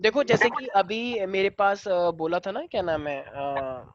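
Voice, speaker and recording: A man's voice: high-pitched, unhurried, lo-fi sound, a little hiss or hum. Chatty man quizzing a class. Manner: chatty, keeps quizzing students. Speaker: biology teacher. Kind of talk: classroom lecture.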